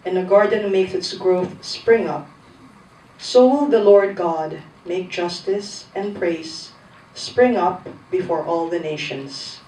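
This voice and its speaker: A woman reading scripture aloud as a lector at Mass, in a deliberate, formal recitation. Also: on the low side, warm tone. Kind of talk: scripture reading and responsorial psalm. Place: large church interior. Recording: echoey church, distant mic, faint noise.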